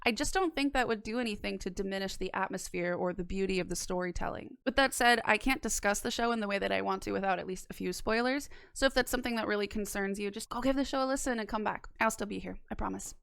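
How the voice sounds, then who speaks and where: Close to a boom-arm mic in a small indoor room, a young woman narrates a semi-scripted review like a video essayist, wry and conversational with casual asides. Her mid-range voice is creaky and fairly bright, and she talks fast with few pauses. The sound is clean, with no echo.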